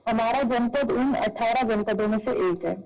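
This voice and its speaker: A government election official explains a procedure step by step, repeating herself, in a phone call recording played back at a press conference. Her voice is slightly high and a little mellow, at a moderate pace.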